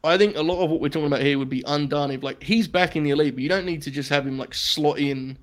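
Quick, somewhat high-voiced male co-host, chatty and filler-heavy. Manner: rambling analysis with many "like"s. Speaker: podcast co-host. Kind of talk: casual podcast chat.

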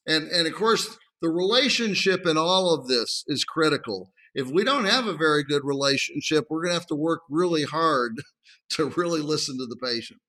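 A man answering interview questions in a calm, measured way, acting out conversations with patients. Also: on the high side.

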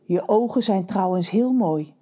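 A woman's voice: mid-range voice, expressive, a little slow, dark tone. A woman voicing a stern mother who runs a factory and questions people strictly. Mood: approving. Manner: stern, commanding.

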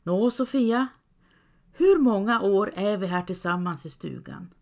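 A woman's voice: mid-range voice, darkish tone, lightly acted. A woman voicing a jovial, proud peasant father who talks in a hearty, teasing way.

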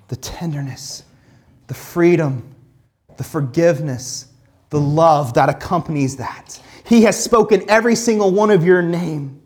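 In a mid-range voice, a pastor gives an informal Bible lesson, reading passages aloud between his comments. He hammers his points home by repeating phrases, with "like" filling many of his sentences.

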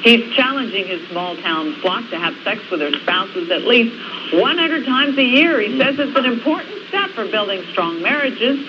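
Guy newsreader, high lively voice, sounds like a tv played into a phone, hissy and muffled. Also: normal speed. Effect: TV audio re-recorded on a phone held to a speaker. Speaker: TV news anchor. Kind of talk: scripted news reading.

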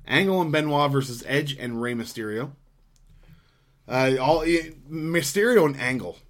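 A man in the middle of a loose podcast chat, walking through an old wrestling episode match by match. He rambles, trips over names, swears and laughs along the way. His voice sits at an ordinary pitch for a man. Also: expressive, normal speed. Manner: rambling, profane, laughs often, frequent fillers. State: hiccuping. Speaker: podcast co-host. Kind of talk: casual wrestling recap chat.

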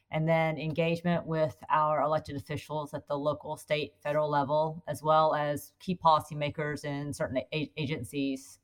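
A woman guest in an interview, explaining her work fluently with frequent "you know" fillers. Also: low voice. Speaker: guest, corporate affairs executive at a utility. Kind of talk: casual interview conversation.

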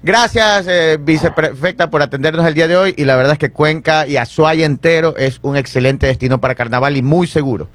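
A male radio host with a fairly high voice. He jokes, teases his co-hosts and fills pauses with stretched hesitations. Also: no room sound. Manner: joking, fast, many fillers. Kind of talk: lively studio banter.

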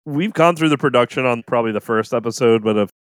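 Podcast guy with a smooth clear voice, dry close sound, laughs a lot while he talks movies. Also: mid-range voice, quick pace, no room sound. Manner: enthusiastic, laughs often, quotes movie lines. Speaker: podcast co-host. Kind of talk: casual chat.

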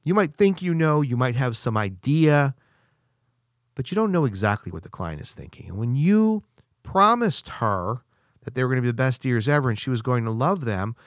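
Male speaker, mid-pitched, conversational business-advice monologue, dry close sound, slips into quoted dialogue. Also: very animated, normal speed, no echo.

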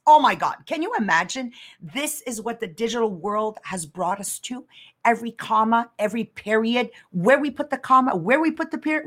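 Animated fifty-something woman podcast host. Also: mid-range voice. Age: 50s. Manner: fast, animated storytelling with acted-out quotes. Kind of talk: casual podcast talk.

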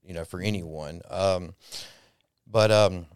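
A man, likely in his thirties, telling his life story as an interview guest in a halting, reflective way with frequent pauses. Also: low-pitched, fairly even intonation, clear, resonant tone, no room sound, studio quality. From Texas, raised in Mississippi. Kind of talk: personal testimony interview.

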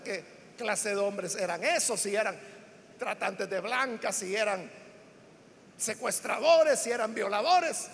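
High-pitched preacher man, emphatic, echoing hall. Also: a little hiss or hum. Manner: emphatic, rising into shouts on key words; builds lists with repeated phrases. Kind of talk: sermon. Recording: long hall reverb.

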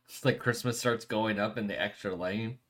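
A man's voice: fairly low pitch, moderate pace, fairly bright tone. A man hosting a show in casual podcast chat, slangy and freely swearing. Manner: profane, slangy. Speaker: show host.

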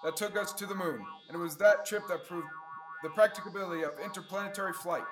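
A young man with a high-sitting voice talks fast over music, sounding close to his everyday speech. He plays an eager, adventurous space hero in the style of a 1930s radio serial, earnest and brimming with gee-whiz enthusiasm. The mood is earnest and proud.

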